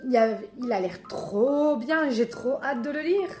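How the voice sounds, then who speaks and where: A woman with a French accent chatting excitedly about books as she unboxes them, laughing often and reading the blurbs aloud. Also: high-pitched, a little slow, faint music behind. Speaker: book vlogger. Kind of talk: casual unboxing chat.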